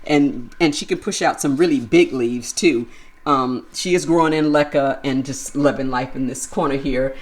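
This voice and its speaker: A woman's voice: a bass voice, normal speed. A woman vlogger giving a chatty, enthusiastic tour of her plant collection while filming handheld. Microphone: handheld camera moved while filming.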